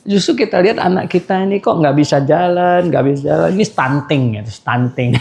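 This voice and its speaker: Older male pastor, gravelly voice on the higher side, chatty sermon with jokes and questions to the congregation. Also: fairly quick, a little mellow. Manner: chatty storytelling with laughs and call-and-response. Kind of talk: anniversary sermon.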